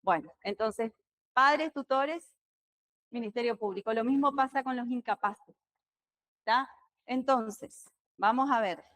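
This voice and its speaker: A woman with an Argentine accent teaches a law class in a classroom. Her voice sits a little high, and she tends to get loud as she explains. She keeps questioning her students as she goes. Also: takes it slowly, pauses often. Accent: Argentine Spanish. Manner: lively, talks loud, asks students questions. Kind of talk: classroom lecture.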